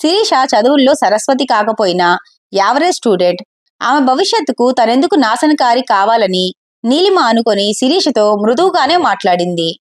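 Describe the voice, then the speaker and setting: Woman reading a story aloud, high and very lively pitch. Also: moderate pace. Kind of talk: scripted narration.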